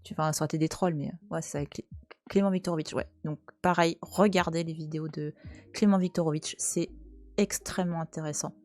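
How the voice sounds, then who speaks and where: A woman's voice: sits low, fairly even intonation, fairly quick, a little mellow, dry recording, studio quality. A French woman in her thirties, chatting casually and teasingly on a live stream from home, talking back to her chat. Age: 30s. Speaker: Twitch streamer. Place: at home, cat nearby.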